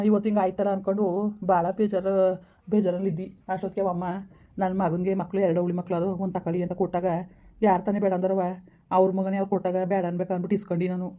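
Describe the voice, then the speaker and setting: A man's voice: high voice, phone-quality sound, close to an everyday voice. A man, playing an earnest, apologetic village father. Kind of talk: village family drama acting.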